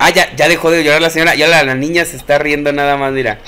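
Jumpy, foul-mouthed Mexican gamer. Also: male voice, a little high, steady tone, fast talker, bright, forceful tone, a little hiss or hum. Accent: Mexican Spanish. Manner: cursing, jumpy, talks to game characters. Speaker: gameplay streamer. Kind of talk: horror gameplay commentary.

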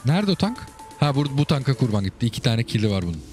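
A man's voice: mid-range voice, big pitch swings, fast, darkish tone, faint music behind. A man hosting casual commentary over viewers' game replays, chatty and asking the listener again and again whether they get it. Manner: chatty, keeps asking "you get it?" and calling the listener brother.

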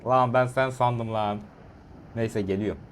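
A young man casting his own mobile shooter match, calling out enemies quickly and breaking into shouts and laughs in bursts. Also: medium pitch, steady tone, slight background noise. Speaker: gaming YouTuber. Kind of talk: excited gameplay commentary.

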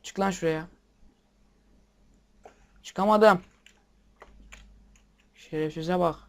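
A young man giving casual game commentary, excitable, swearing at the game and talking to his viewers. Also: on the high side, measured pace. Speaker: gameplay video maker. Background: keyboard and mouse clicks.

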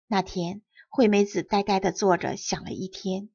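A woman storyteller reading a fairy-tale audiobook in a clear, measured way, with a husky voice. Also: mid-range voice, fairly even intonation, warm tone, highs cut off.

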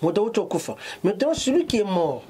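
A man's voice: high voice, big pitch swings, fairly quick, warm tone, slightly rough. A middle-aged man from Congo, a fashion designer, interviewed in a clothing shop, mixing French and Lingala with emphasis. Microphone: handheld mic held by interviewer.

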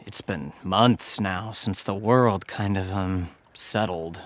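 A timid, deferential scout. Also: male voice, low voice, slow, a bit bright. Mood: worried. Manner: timid and deferential, says sir constantly. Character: earnest, worried male boy scout, polite. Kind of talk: short film acting.

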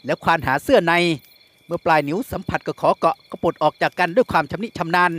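A male audiobook narrator reads a classic novel in a steady, even way. His voice sits slightly higher than most men's. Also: quick pace.

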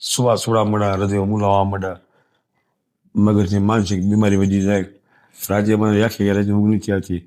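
Older man, soft and halting. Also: on the low side, level tone. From Gujarat, India. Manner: soft, halting, often trailing off quietly. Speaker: interviewee. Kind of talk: emotional interview, plain talk.

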